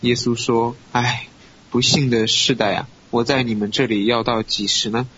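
A man reading scripture aloud at a steady, measured pace in a Bible study program. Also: medium pitch. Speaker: scripture reader. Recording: dull lo-fi recording with faint hiss.

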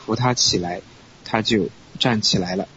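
Man reading scripture aloud, steady. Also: fairly low pitch, normal speed. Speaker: scripture reader. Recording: dull lo-fi recording with faint hiss.

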